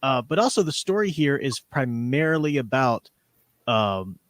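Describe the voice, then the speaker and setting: Rambling and conversational, this man co-hosts a relaxed livestream about books and comics. He has a mid-range, sing-song voice at a moderate pace, and there's no room sound.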